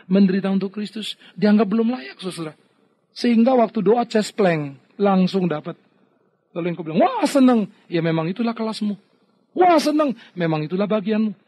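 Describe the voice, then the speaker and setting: Husky high-voiced preaching man. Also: muffled recording. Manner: emphatic preaching, sudden swings from loud to hushed, addresses listeners as "saudara". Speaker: pastor. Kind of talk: sermon.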